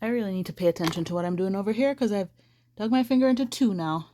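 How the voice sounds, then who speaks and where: A woman in an easygoing beauty vlog, chatting to camera as she works. She rambles and thinks aloud, backing up to fix her own words as she goes. Her voice sits at a plain middle pitch. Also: fast, dark tone, slight background noise. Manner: chatty, thinks aloud, corrects herself mid-sentence. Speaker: beauty vlogger. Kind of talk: casual rambling chat to camera.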